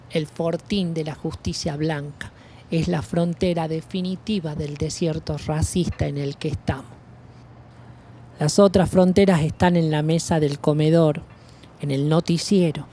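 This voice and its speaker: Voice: mid-range voice, warm tone, a little hiss or hum. A speaker from Argentina reading a scripted manifesto in a solemn, declamatory cadence with long lists. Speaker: narrator of an activist video piece. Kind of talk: scripted spoken-word manifesto narration.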